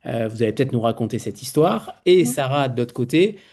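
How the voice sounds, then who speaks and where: A man hosting a literary interview, asking authors measured, articulate questions. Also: mid-range voice, animated, darkish tone. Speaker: interviewer host.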